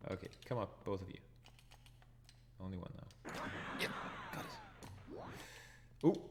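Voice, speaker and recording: This Danish host of a retro gaming channel talks through his play in real time, reasoning out loud and laughing at his own deaths. He speaks slowly in a mid-range voice with huge swings in pitch, his Danish accent clear, over a very noisy recording.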